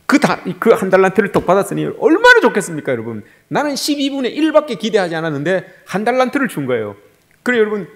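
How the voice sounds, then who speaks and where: Lively man preaching with rhetorical questions. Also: on the high side. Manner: asks the congregation rhetorical questions. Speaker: pastor. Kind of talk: sermon.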